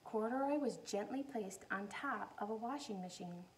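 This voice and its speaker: A woman's voice: mid-range voice, moderate pace, slight background noise, low-quality recording. A woman reading a children's storybook aloud like a teacher, expressively, with questions and simple explanations for her listeners.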